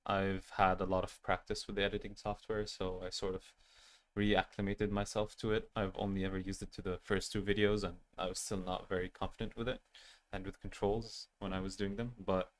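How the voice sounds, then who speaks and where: A man with a youthful-sounding voice who streams games with an animated avatar, rambling in a self-deprecating way as he chats with his viewers at the end of a stream. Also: low voice, brisk. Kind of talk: casual end-of-stream chat.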